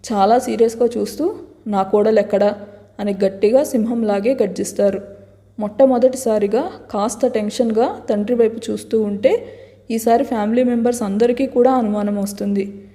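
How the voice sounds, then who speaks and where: Woman storyteller, serialized drama reading, mellow voice, reverberant hall sound. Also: fairly high pitch, steady tone, a little fast.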